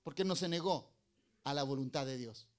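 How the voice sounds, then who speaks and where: A middle-aged man preaching a sermon as pastor, firing rhetorical questions and swinging between loud emphasis and low, quiet asides. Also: normal speed.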